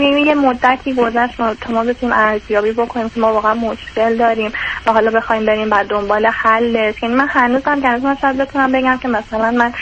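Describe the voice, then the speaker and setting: A woman's voice: fairly high pitch, fairly bright tone. A woman in her thirties calling in over the phone, explaining her marriage troubles in hesitant, rambling sentences. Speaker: caller. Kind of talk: phone-in about marriage problems. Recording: muffled phone line with faint hiss.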